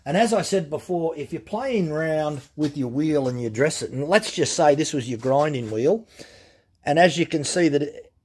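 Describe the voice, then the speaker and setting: A husky-voiced man talks from behind the camera in his workshop. He explains step by step in a plain-spoken, practical way and hammers home his key points by repeating them. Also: a little high, lively intonation, moderate pace, a little mellow. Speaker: chainsaw sharpening instructor. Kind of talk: casual how-to demonstration. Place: workshop with grinders and tool wall.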